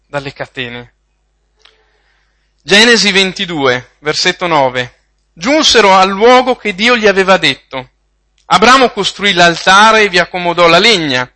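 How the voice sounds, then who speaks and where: A man preaching a sermon, reading Bible passages and repeating phrases with slow emphasis. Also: sits high, sharp tone.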